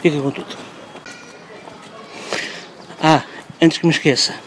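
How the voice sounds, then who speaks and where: A man's voice: fairly high pitch, steady tone, measured pace, a little hiss or hum, poor audio. A man in his thirties with a European Portuguese accent, chatting upbeat to his phone at arm's length outdoors on a street. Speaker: vlogger. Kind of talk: casual vlog.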